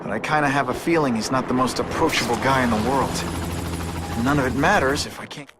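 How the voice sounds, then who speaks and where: A man's voice: mid-range voice, quick pace, natural voice. A young man with an American accent voicing a wisecracking superhero in a video game, breezy, wry and informal. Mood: thinking aloud. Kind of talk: video game voice acting, quippy monologue. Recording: clear background noise, game ambience.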